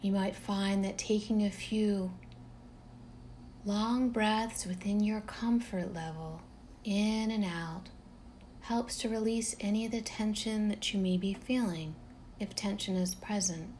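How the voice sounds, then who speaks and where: With slight noise in the background, a woman calmly talks listeners through a relaxation meditation. Her medium-pitched delivery is soft and unrushed, separated by long pauses.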